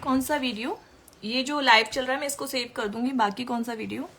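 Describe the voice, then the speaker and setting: A woman's voice: sits high, fairly even intonation, brisk, a bit bright. A woman makeup artist teaching makeup in a chatty way during a live-stream tutorial, answering viewer questions as she works.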